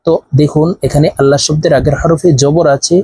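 A man teaching Quran reading, spelling words out letter by letter and reciting verses in a slow, drawn-out chant. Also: on the high side, little pitch movement, warm tone, breathy edge, no room sound. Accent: Bangladeshi Bengali.

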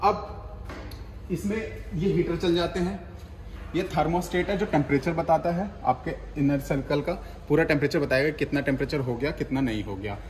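Showing off oven wiring, the same young seller talks at a moderate pace in a high, slightly mellow voice. His casual demo proceeds step by step, full of repetitions and restarts, recorded in an echoey indoor oven workshop with faint noise.

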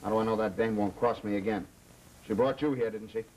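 Tough American gangster male actor, vintage 1930s film: rapid, snappy, threatening, slightly noisy track. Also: fairly low pitch, steady tone, a little mellow, close to an everyday voice. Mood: menacing.

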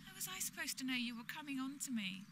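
A woman's voice: sits high, sing-song, quick pace, noisy background. A woman playing an exasperated, defiant stalking victim in a drama, blunt and dismissive. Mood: scornful, dismissive. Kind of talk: dramatic dialogue acting.

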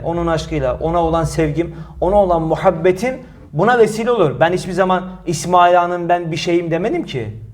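A young man preaching in a mosque, answering a critic forcefully, with many rhetorical questions and repeated phrases. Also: fairly high pitch. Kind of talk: heated religious talk, defensive.

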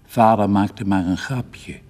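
Old man voicing a sober mother, calm, slow, husky, low, echoing studio. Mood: calm, frank. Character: calm, gloomy, frank mother. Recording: reverberant studio recording.

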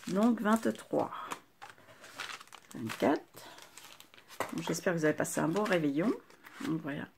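Older woman host, gravelly lowish voice, chatty and delighted while unboxing crafts, faint noise behind. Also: expressive, a little slow. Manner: chatty, gushing exclamations over each item. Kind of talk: casual unboxing chat to viewers.

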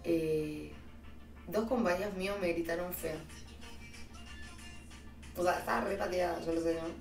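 This Argentine Spanish speaker has a lowish, creaky, slightly mellow voice, keeping a steady tone and measured pace. She chats with her stream audience, telling slangy stories and laughing at herself. Faint music plays in a roomy recording from a distant mic.

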